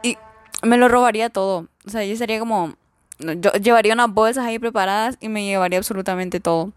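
A woman's voice: mid-range voice, fast, clear, resonant tone. A young woman with a Guatemalan Spanish accent, chatting casually as a vlogger as she reads out viewer answers, rambling with lots of fillers and laughs.

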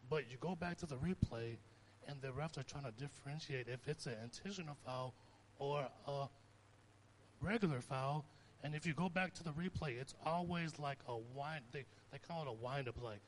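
A man's voice: mid-range voice, moderate pace, a little hiss or hum. A young man giving an informal sermon, talking conversationally and telling stories with rising emphasis. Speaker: preacher.

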